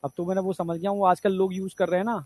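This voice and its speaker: High-voiced man teaching biology. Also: flat delivery, racing, a little mellow. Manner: chatty, repeats "theek hai" often, asks students if they follow. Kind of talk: online exam-prep lecture. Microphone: lapel mic.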